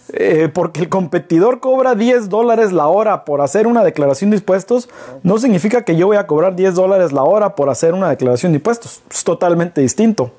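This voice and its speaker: Recorded by a camera some distance away, a middle-aged Mexican business consultant talks casually to the lens from an armchair in his living room. He explains things while raising rhetorical questions, his high-pitched voice slightly mellow with a breathy edge.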